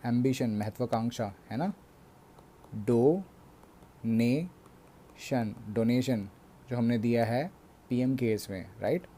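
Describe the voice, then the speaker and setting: Slow, mellow Indian English teacher. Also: male voice, mid-range voice, slight background noise. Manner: explains slowly, keeps checking in with the class. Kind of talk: bilingual grammar lecture.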